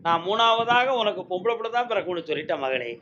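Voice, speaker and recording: High, bright-voiced temple oracle man. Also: animated, fast talker, muffled recording, a little hiss or hum. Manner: commanding, scolds and reassures devotees directly. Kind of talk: trance oracle pronouncements to devotees. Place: temple with devotees present. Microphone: microphone.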